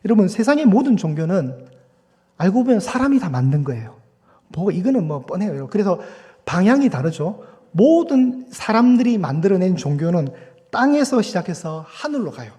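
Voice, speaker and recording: A man's voice: high voice, sing-song, normal speed, dark tone, in a large hall. A man preaching a Sunday sermon as pastor, talking with the congregation and asking them questions. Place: church sanctuary.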